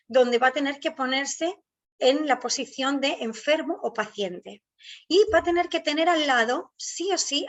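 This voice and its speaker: A woman leads a spiritual online workshop from indoors at home. Her voice sits a little high, and she speaks slowly and deliberately, stacking phrases in measured, repeating lists. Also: fairly bright tone. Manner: slow, deliberate, listing phrases in measured repetition. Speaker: workshop facilitator. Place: indoors at home, near a door.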